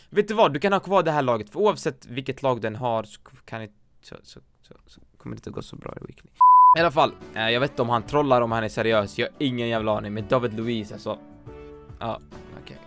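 Male gaming creator, casual blunt team-review chatter, mid-pitched, faint music bed behind. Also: creaky. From Sweden. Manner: blunt, joking, swears often, mixes English slang. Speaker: gaming YouTuber reviewing viewers' teams. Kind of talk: casual commentary.

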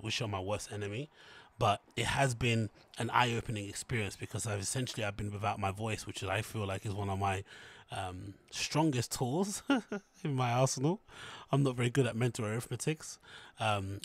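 A man's voice: on the low side, dry recording. A British man chatting casually as a solo host, talking with his mouth barely open and muddy, marble-mouthed from tonsillitis. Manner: muffled, mouth barely opened, closed-mouth talking. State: recovering from tonsillitis. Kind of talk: casual rambling chat. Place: small plain room indoors. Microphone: large close studio mic with foam cover.

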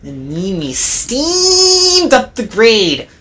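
Slow sing-song woman narrator, storybook read-along; fairly high voice. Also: wildly swooping pitch, fairly bright tone.

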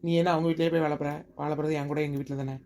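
A man's voice: on the high side, flat delivery, very fast, a little mellow, slight background noise, lightly acted. A man playing a young village lover who coaxes and pleads insistently with his crying partner in a family drama. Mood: pleading.

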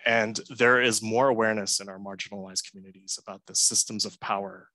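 A man in his thirties, from Hong Kong, giving a prepared conference talk over a headset on a video call, earnest and measured with many uh fillers. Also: lowish voice, fairly even intonation, bright, forceful tone, no echo, rough recording. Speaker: conference speaker. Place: home room, indoors. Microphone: headset mic on a video call.

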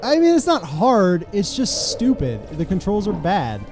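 A man's voice: high voice, huge pitch swings, a little slow. A tired young man co-hosting a casual let's-play, laughing often and making sardonic remarks. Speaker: co-host. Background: game music.

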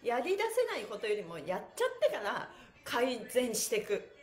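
Her fairly high voice swoops wildly in pitch at a normal speed as this middle-aged pantomime teacher and livestream host runs a chatty live exercise class. Bubbly and playful, she talks to her viewers from an indoor room with bare walls and an exercise mat, with roomy sound.

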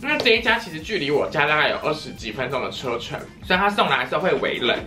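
A woman's voice: low-pitched, very animated, fast talker, over music. A young woman, chatting playfully in a casual eating vlog at home and breaking into silly sing-song voices. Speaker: vlogger.

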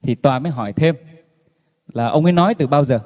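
A man's voice: a little high, fast, a little mellow. A man telling jokes to an audience as a stage emcee, in a leisurely style with many fillers. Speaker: singer and joke-telling emcee. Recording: live stage with long hall reverb.

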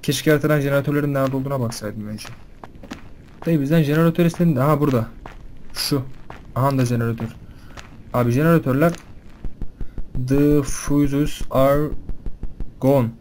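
A young man hosts a gaming video, giving casual commentary on a horror game, chatting with viewers and panicking loudly when scared. He has a brisk, mid-range voice with long pauses. Slight background noise is present.

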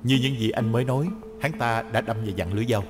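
A man's voice: medium pitch, fast talker, natural voice. A male voice actor dubbing a cocky young male detective who talks in a playful, chatty way, over background music. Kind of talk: dubbed drama.

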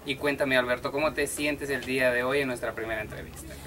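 A man in his thirties from Guatemala, introducing himself on camera as part of a comedy duo, upbeat and getting more excited as he goes. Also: medium pitch, fast, slight background noise. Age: 30s.

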